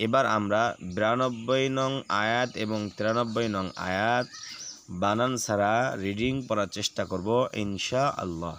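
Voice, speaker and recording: A man teaching Quran recitation, explaining rules quickly and then reciting words slowly and drawn out. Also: lowish voice, a bit bright, a little hiss or hum. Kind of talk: spelling-out recitation lesson.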